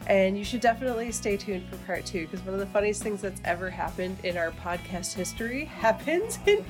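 A woman speaks as a podcast host in a casual, chatty style. Her voice sits at an average pitch for a woman. Faint music plays beneath her speech. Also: animated, brisk. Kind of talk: casual chat to listeners, co-hosted podcast. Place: quiet, slightly echoey rental townhome room.

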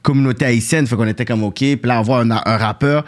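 A man, co-hosting a casual podcast in a lively, jokey way, mixing in English words. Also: mid-range voice, fast.

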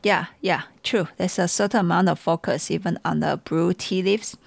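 A woman from Taiwan with a Taiwanese accent, a tea seller chatting casually and tasting tea, animated and giggly as she tells stories. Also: lowish voice, moderate pace, creaky, dry recording.

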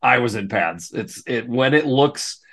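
Gravelly-voiced man chatting casually. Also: mid-range voice, unhurried. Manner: relaxed, rambling, with frequent restarts. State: gravelly, hoarse voice. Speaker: co-host. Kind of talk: casual sports podcast chat.

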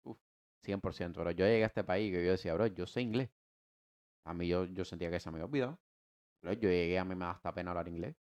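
A man in his twenties from the United States, carrying a Cuban Spanish accent, talks quickly in a low voice. Co-hosting a podcast, he tells his life story in a relaxed, slangy way, rambling and restarting frequently.

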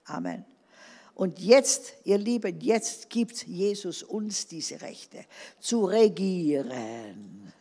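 A woman's voice: on the low side, very animated, very slow, dark tone, breathy edge. A woman preacher delivering an emphatic sermon, often calling for an amen from the congregation. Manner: emphatic, calls for amens. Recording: long hall reverb.

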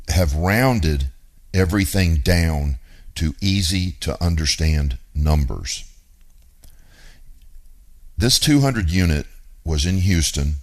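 A man hosting a radio show, giving a blunt, emphatic teaching monologue on real estate investing and repeating his key points. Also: low voice.

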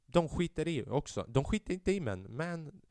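This is a dry recording of a young Swedish man hosting a podcast, animatedly telling a casual story. He jumps from loud bursts to low muttering and mixes English slang and swearing into his talk.

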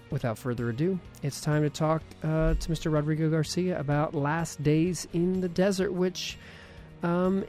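A man's voice: a little high, a little mellow. A man hosting a podcast, chatting casually and rambling with many fillers. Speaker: podcast host.

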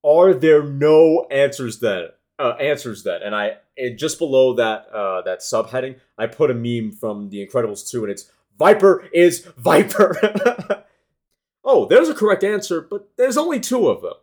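Animated man reading his own essay. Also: mid-range voice, moderate pace, hardly any pauses. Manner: analytical, with small self-corrections. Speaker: car enthusiast essayist.

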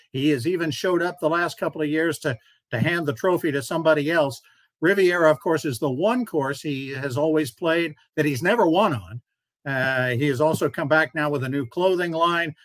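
Relaxed male sports show host. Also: fairly high pitch, no echo. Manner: relaxed, steers the show to breaks. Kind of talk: casual sports talk.

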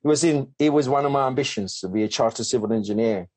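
Speaking fast in a medium-pitched, darkish voice, a non-native English-speaking man recounts his personal story during a conversational interview. He is chatty, with frequent fillers and restarts, and the recording is dry.

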